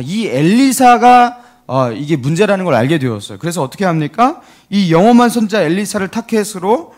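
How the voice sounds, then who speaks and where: Male pastor, lively storytelling sermon, high and expressive delivery. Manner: animated storytelling, asks the congregation questions. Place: church.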